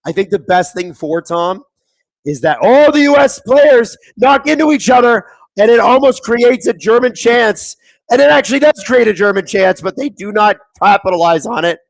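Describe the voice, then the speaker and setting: On a dry, low-quality recording from a streaming microphone, a man with a high-pitched, thin, raspy voice hosts a live hockey watchalong at normal speed. He's hoarse, with his voice squeaking, as he casually reads viewer chat and excitedly calls key plays.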